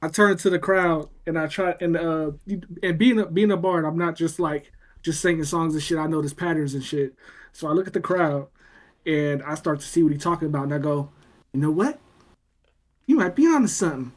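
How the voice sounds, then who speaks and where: A man's voice: fairly high pitch, steady tone, fairly quick. A man playing a tabletop game, talking in a boastful, profane way. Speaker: player. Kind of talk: casual tabletop play.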